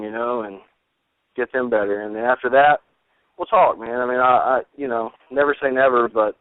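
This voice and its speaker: Phone-line man in his twenties, halting, earnest. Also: medium pitch, no echo. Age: 20s. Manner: earnest, halting, repeats words and leans on "you know". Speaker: MMA fighter and coach. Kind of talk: casual pre-fight interview. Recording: thin, phone-like radio or phone line.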